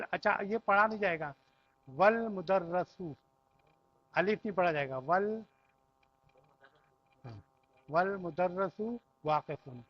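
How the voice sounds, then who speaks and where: High-voiced patient male Arabic teacher. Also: no echo. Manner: patient, repeats each phrase and explains word by word. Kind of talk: classroom language lesson. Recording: dull lo-fi recording.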